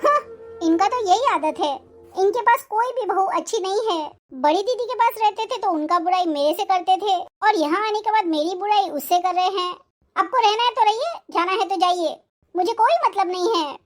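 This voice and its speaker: A voice actor playing a resentful younger daughter-in-law who complains angrily and sarcastically in an animated moral story. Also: extremely high pitch, faint music behind. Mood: dismissive. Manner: angry, sarcastic, rapid complaining.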